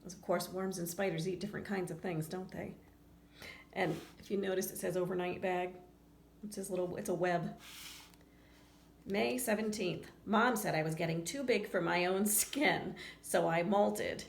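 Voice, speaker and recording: This woman's voice is lowish and gravelly, moving at a moderate pace as she reads a children's picture book aloud. She voices the lines with expression and breaks off to chat casually with young listeners. Expect a roomy echo and faint background noise.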